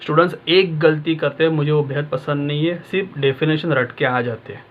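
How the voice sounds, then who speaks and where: Slightly high-voiced man coaching students. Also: fairly even intonation, a little fast, dull audio, a little hiss or hum. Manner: direct, conversational, addresses students as peers. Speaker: exam-prep tutor. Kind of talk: casual coaching talk to students.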